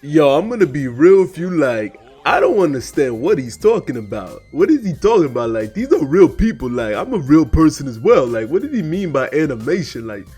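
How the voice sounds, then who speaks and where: Husky laid-back man riffing in slang over a clip, soft music under him. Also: a little high, sing-song, fairly quick, hardly any pauses. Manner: laid-back, slangy, rambling, laughs often. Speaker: cartoon reaction host. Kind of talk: casual slangy reaction commentary.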